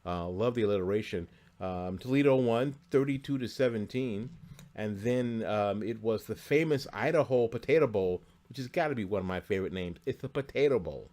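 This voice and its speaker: A man's voice: lowish voice, darkish tone. A man hosting a sports talk show in a studio, chatting casually through college bowl game scores with asides and frequent fillers. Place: studio near Tampa Bay.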